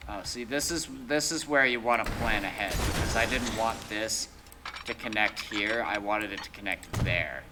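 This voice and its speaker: A young man with a fairly low voice talks casually over his gameplay, joking and narrating each step as he builds. It sounds like a home desk mic, with game noise clearly audible underneath. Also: normal speed. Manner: joking, thinking aloud while building. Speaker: let's play co-host.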